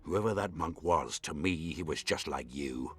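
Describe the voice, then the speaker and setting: With a very deep, somewhat bright voice at a moderate pace, a man voices a haughty, scornful baron vying for a throne in a fantasy video game. His diction is imperious and formal, his mood cold and contemptuous, in dramatic acting backed by soft music.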